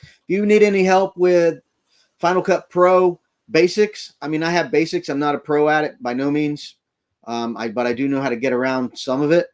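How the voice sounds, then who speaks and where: A man from Florida, United States, hosts a casual, rambling livestream from inside his RV camper, chatting with viewers and thanking them. His voice is fairly high, his tone steady, and he speaks at a normal speed.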